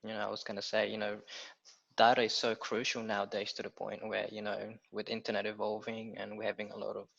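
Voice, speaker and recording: Heard on dull, lo-fi audio, this interview guest talks in a quick, creaky, lowish voice. He's an Ethiopian man in his twenties who works as a property research analyst, and he describes his job in a relaxed, casual way, leaning heavily on "you know" and "um."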